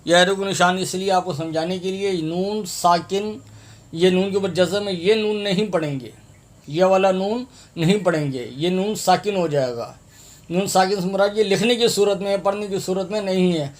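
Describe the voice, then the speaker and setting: High-voiced man teaching Quran recitation. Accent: Pakistani Urdu. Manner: recites verses slowly and melodically, then explains rules quickly. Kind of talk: tajweed lesson with slow recitation.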